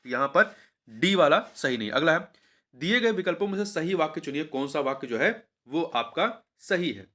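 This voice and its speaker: A man's voice: on the high side, animated, normal speed, sharp tone. A male teacher going through an exam paper, repeating each answer and asking the viewer questions as he goes.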